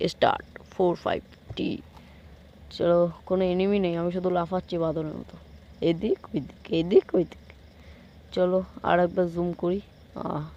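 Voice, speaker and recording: A man talks his way through a shooting game in real time, getting worked up and barking quick repeated orders at himself. He drops self-mocking asides to his viewers as he plays, and a faint hiss sits under his voice. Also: high voice, gravelly, dull audio. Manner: excitable, urging himself on with repeated short commands. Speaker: gameplay streamer. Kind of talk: live gameplay commentary.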